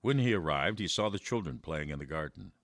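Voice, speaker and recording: A man reading a children's story aloud in a measured way, slowing down for verse. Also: low voice, lively intonation, a bit bright, no room sound.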